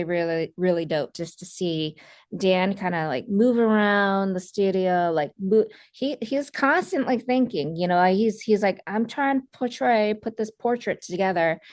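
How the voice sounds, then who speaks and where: A woman photographer co-hosting a casual podcast, chatty and lively as she retells events. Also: lowish voice, no echo, clean studio sound.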